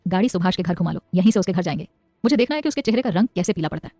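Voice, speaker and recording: A woman's voice: lowish voice, expressive, rapid-fire, mellow, dry recording, soft background music. A woman voicing a hot-tempered young man who talks in curt threats. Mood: sly. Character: hot-tempered young male boss, menacing.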